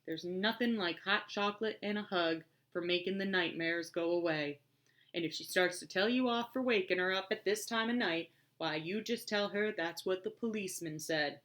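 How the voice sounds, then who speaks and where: A woman voicing a gruff, deep-voiced male police officer who talks slowly and indulgently, as if to a child, in an audiobook reading. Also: a bit bright, natural voice. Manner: slow and indulgent, talking down to a child.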